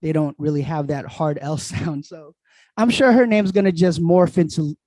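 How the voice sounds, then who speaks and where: Speaking into a close-held handheld dynamic mic in a small, bright home room, this Queens-born guest DJ keeps things relaxed on a podcast, laughing often and stretching out his explanations. The recording is dry, and his fairly high voice stays steady with a darkish tone.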